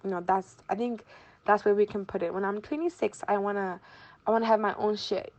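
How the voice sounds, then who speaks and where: Young woman, from Zimbabwe, interview guest, bubbly, laughs a lot, repeats words, mid-pitched voice. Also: fairly even intonation, a little fast, a little mellow, highs cut off. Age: 20s. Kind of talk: casual interview chat.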